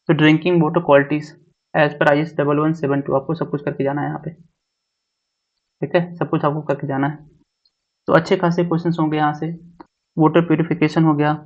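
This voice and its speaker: A man teaches an exam syllabus, listing topic after topic and going over each one twice. His voice sits a little high and stays almost monotone. The recording sounds dull and lo-fi. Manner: repeats each point, mixing English syllabus terms into Hindi. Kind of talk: syllabus walkthrough lecture.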